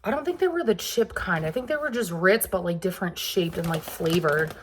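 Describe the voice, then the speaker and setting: Lively, a little fast and slightly rough, this low-leaning female voice carries a Southern US accent. Showing off her grocery haul in a casual vlog chat, she's hot and sweaty, sniffly from allergies, and rambles with plenty of fillers and asides.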